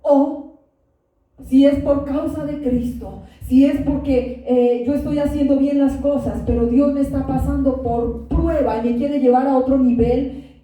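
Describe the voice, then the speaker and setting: A woman's voice: a little high, dark tone, distant mic. A woman pastor preaching a sermon, giving testimony and asking the congregation questions. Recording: very echoey room, voice from afar.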